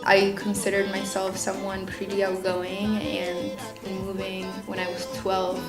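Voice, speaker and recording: A woman's voice: medium pitch, completely flat delivery, measured pace. Earnest young woman in echoey room. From Chile. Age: 20s. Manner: earnest, thoughtful, searching for words. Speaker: student interviewee. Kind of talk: personal reflective talk. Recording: echoey room with guitar music.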